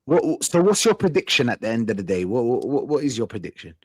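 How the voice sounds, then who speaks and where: A man's voice: medium pitch, big pitch swings, quick pace, darkish tone, husky, no room sound. A man hosts a football fan stream in a London roadman accent. His talk is casual banter full of street slang, with phrases repeated for emphasis. The sound is dry and close, with little room around the voice.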